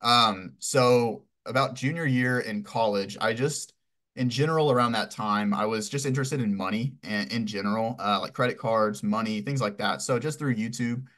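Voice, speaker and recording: A man's voice: mid-range voice, normal speed, a bit bright. A man in his twenties from Texas, telling his story as a podcast guest in a rambling way with many fillers. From Houston, Texas. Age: 20s. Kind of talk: casual interview answers.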